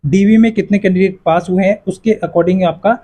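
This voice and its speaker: The recording has its highs cut off. The speaker, an exam-coaching YouTuber with a dark-toned voice that sits high, talks fairly quickly and steadily, explaining cutoff scores to students he calls friends in a casual, repetitive, reassuring way full of "yahan par" and "jo hai."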